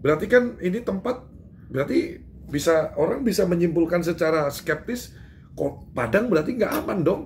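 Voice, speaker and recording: A man's voice: sits high, moderate pace. Indonesian guy talking to the press, fired up, lots of ums and restarts, bit of noise behind. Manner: animated, emphatic, many fillers and restarts. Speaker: public figure giving a press statement. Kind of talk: doorstop interview with reporters.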